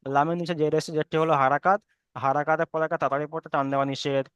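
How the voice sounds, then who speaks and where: Man teaching Arabic reading, smooth voice. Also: on the high side, steady tone, fairly bright tone, no echo. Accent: Bengali. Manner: patient, repeats spellings slowly, corrects students. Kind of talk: online Arabic reading lesson.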